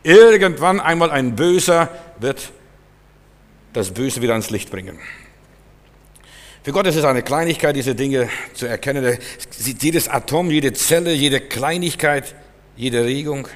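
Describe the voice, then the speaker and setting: A man delivers a sermon with emphatic stresses, dropping often to quieter, lower lines. His voice sits in the middle range and rings with a long reverb. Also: animated, measured pace. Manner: emphatic, swinging between loud and soft. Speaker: preacher.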